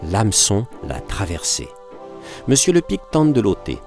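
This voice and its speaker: A man reading a story aloud with lively, acted-out narration. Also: on the low side, measured pace, soft background music. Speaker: audiobook reader. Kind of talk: expressive literary reading.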